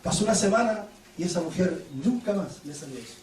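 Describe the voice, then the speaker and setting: A Chilean man preaching a Pentecostal sermon, telling stories with laughter and sudden shouted praises. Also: high-pitched, animated, quick pace, far from the mic, background noise. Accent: Chilean Spanish. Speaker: pastor. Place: church hall. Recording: echoey church hall, mic from afar.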